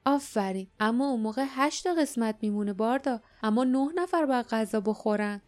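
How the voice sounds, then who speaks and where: A woman voicing a quick-witted young male hero who talks loudly and taunts. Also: fairly high pitch, close to an everyday voice. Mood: taunting. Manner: loud, taunting.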